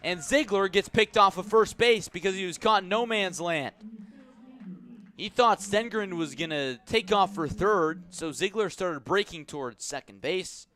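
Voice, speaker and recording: This live baseball commentary comes from a male radio play-by-play announcer whose voice is high-pitched, bright, and forceful. He keeps a measured, descriptive pace, lifting his delivery whenever the action heats up.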